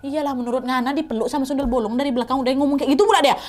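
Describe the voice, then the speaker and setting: A woman, chatty and expressive as she narrates a horror story and talks straight to her listeners. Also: high voice, very fast, background noise.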